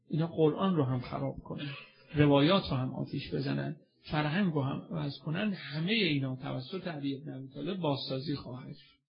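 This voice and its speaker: High gravelly impassioned male preacher. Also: muffled recording. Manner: impassioned, asks the audience questions and answers them himself. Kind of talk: religious sermon and mourning recitation.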